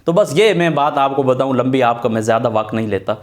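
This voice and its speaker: A middle-aged man from Pakistan, an Islamic scholar, telling stories from his student days in an earnest, animated way, swearing oaths that he is telling the truth. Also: medium pitch. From Pakistan, Attock area. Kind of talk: casual storytelling talk.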